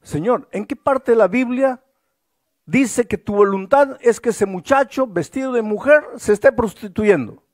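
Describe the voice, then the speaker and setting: A man preaching voices a young man who prays boldly, pleading in a loud and insistent way. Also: mid-range voice, unhurried, no room sound, clean studio sound. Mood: fervent pleading.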